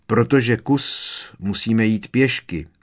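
A kindly middle-aged wizard father explaining patiently, read by a man. The voice stays low and calm. Storybook reading. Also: close to an everyday voice.

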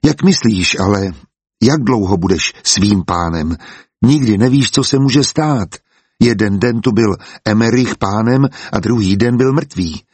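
A man voicing a jovial young ironworks owner who smoothly blackmails a rival. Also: fairly low pitch, darkish tone, no echo. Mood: sly.

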